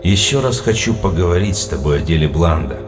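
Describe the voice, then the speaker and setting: A man performing a disembodied voice speaking out of the darkness, very low and distant, as though no body stands behind it. It taunts and questions with unhurried calm. Music plays clearly underneath. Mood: cold. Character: unseen mocking male voice in the dark.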